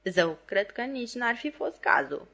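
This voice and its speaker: A woman's voice: a little high, very animated, creaky, fairly bright tone, pitched above the performer's own voice, full character voice. A woman reading an audiobook, voicing a serious, stern lady who makes dry remarks. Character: sombre middle-aged lady, dry and stern.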